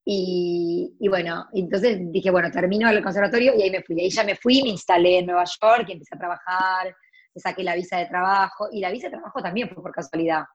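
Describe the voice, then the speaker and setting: A woman's voice: fairly low pitch, brisk, husky, dull audio. A woman in her forties with a Rioplatense Argentine accent, an actress chatting casually about her life, with many restarts and asides. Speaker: actress guest. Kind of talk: casual storytelling chat.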